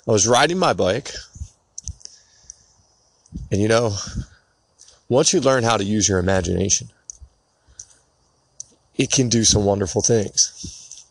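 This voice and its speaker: A man's voice: fairly low pitch, no room sound. A man in his thirties hosting a podcast, telling a personal story in an earnest, emotional, rambling way. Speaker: podcast host.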